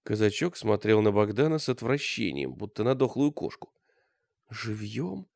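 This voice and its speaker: A man narrating a war novel in an expressive reading style. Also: lowish voice, fairly quick, gravelly, no echo, clean studio sound. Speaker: audiobook narrator. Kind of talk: scripted narration.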